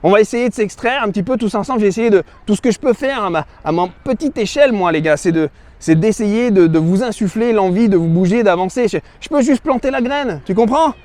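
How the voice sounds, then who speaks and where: A man's voice: high-pitched, expressive, a little fast, darkish tone, dry recording. A man vlogging outdoors, rambling in a vulgar, mock-insulting, matey monologue to camera. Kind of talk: crude joking monologue to camera.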